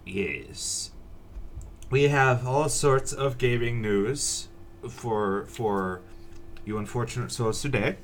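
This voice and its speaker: Slow, deadpan gaming podcast host. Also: male voice, mid-range voice, slight background noise. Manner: dry, deadpan joking. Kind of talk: casual gaming news chat.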